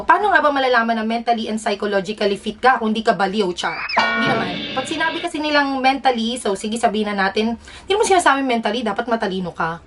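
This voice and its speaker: A Filipino woman who vlogs and works in air traffic explains things to her viewers in a chatty, informal style with joking asides. Her voice is on the high side and fairly bright, recorded far from the mic with slight background noise.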